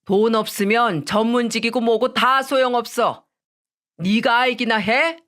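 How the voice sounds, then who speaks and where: A woman voicing an arrogant, rude rich man who insults his future son-in-law, contemptuous and shouting. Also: a little high.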